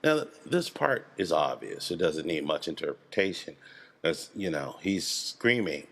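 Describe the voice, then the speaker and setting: Low-voiced man breaking down a show. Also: unhurried. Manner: animated, swears casually, chuckles. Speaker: video creator analyzing a TV series. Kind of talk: casual video commentary.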